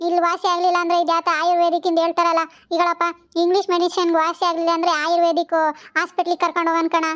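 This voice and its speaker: A woman's voice: extremely high pitch, completely flat delivery, very fast, fairly bright tone. A woman voicing a caring, anxious mother-in-law who coaxes and questions. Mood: coaxing. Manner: coaxing, worried questioning. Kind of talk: cartoon voice acting. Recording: dull lo-fi recording.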